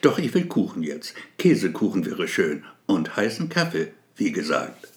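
A man's voice: low-pitched, sing-song, moderate pace, pitched below the performer's own voice. A man voicing a cheerful, greedy alien woman who makes blunt, childlike demands. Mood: demanding.

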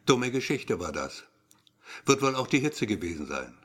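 A man's voice: mid-range voice, sing-song, normal speed, a bit bright, slightly rough. A man reading the part of a friendly middle-aged policeman in a storybook, talking in an easygoing, matter-of-fact way.

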